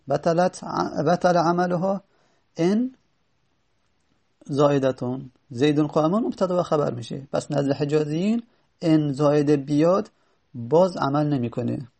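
Brief: male teacher, slightly high, gravelly, patient step-by-step explainer. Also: warm tone. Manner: patient, repeats examples slowly. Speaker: teacher of Arabic grammar. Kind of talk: explaining lesson.

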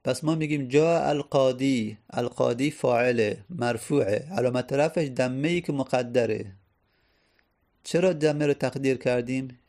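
A man's voice: mid-range voice, a little mellow. A male teacher explaining grammar step by step. He repeats key phrases and sounds out vowels to demonstrate. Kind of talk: Arabic grammar lesson.

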